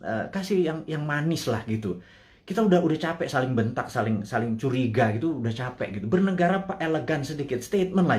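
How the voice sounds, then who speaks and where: Impassioned man with lively, swinging pitch. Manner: impassioned, rhetorical questions, colloquial asides. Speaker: host. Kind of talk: live political commentary monologue.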